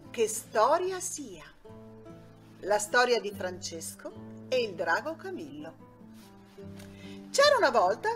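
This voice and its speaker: Woman, bedtime storyteller, high lively voice, slow, faint music behind. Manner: soft, sing-song, expressive. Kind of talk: children's storybook narration.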